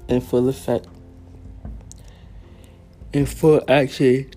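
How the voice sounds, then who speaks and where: A man hosting his own show, telling a personal story in an earnest, casual way, often clearing his throat and using fillers, sounding a little tired. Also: mid-range voice, level tone, slow, warm tone, soft background music. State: tired, yawning. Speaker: podcast host.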